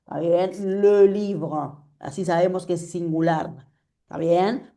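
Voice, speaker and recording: Patient woman teaching French, mellow voice. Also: on the low side, steady tone, unhurried. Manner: patient, checks understanding often. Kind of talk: online class explanation. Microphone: video call.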